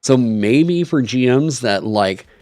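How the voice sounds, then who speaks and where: A man's voice: mid-range voice, lively intonation, takes it slowly, a little mellow, no room sound, soft background music. A man co-hosting a casual chat about a tabletop game, reading rules aloud and giving wry, frank opinions with lots of fillers, hiccuping now and then. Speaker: co-host reviewing a tabletop game.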